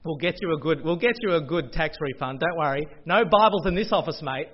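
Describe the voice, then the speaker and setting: A man's voice: a little high, a little fast, breathy edge. A man voicing a chummy, shady male accountant reassuring a client. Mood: breezy, loud. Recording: dull lo-fi audio.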